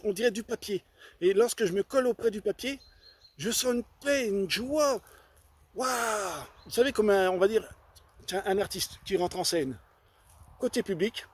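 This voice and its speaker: A man giving an earnest personal faith testimony, halting and often repeating himself as he retells conversations in his own voice. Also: high-pitched, slightly rough. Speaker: church member giving a testimony.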